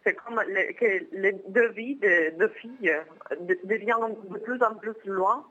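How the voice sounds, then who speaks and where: A young woman from Milan speaking French with an Italian accent, Italian her first language, answering interview questions by phone and often pausing to search for words. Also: mid-range voice. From Milan, northern Italy. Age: young adult. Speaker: phone guest. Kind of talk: casual interview. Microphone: telephone. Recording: dull phone line.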